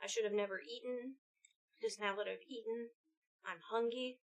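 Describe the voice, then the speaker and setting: A woman's voice: on the high side, steady tone, moderate pace. A young woman streamer chatting casually while setting up her stream. She is laid-back, laughs often and swears freely.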